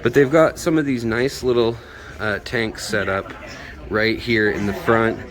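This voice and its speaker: A man's voice: medium pitch, fairly even intonation, unhurried, a bit bright. A man hosting a casual, chatty walk-through vlog, his voice slightly muffled by a face mask, as he shows viewers around a shop. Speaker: host of a shop tour video. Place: inside a pet shop, walking around. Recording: clear background noise, store ambience.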